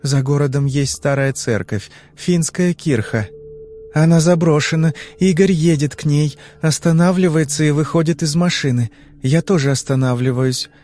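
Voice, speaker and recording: A man voicing a frightened young woman under hypnosis, answering in anxious, halting phrases. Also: a little high, a little mellow, pitched above the performer's own voice, natural voice. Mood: tense.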